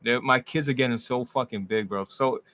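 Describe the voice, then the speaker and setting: A man's voice: mid-range voice, moderate pace, a bit bright, a little hiss or hum. A man hosting a podcast, chatting casually in profane slang and calling his friend bro. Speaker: podcast host. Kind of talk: casual chat.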